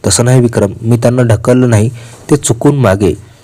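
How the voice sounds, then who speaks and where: A frightened young village wife pleads in a shaken voice, read by a man narrating a crime story. The tone is dark and mellow. The pitch stays in an ordinary middle range. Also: normal speed, lightly acted. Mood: pleading.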